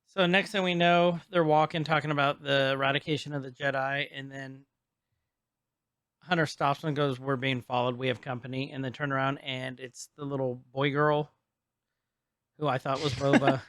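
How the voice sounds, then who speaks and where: A man's voice: medium pitch, flat delivery, normal speed, fairly bright tone, clean tone, dry recording, clean studio sound. A man co-hosting a podcast, casually recapping a show, rambling, laughing often and stumbling over names. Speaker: podcast co-host. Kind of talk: casual chat recapping an episode.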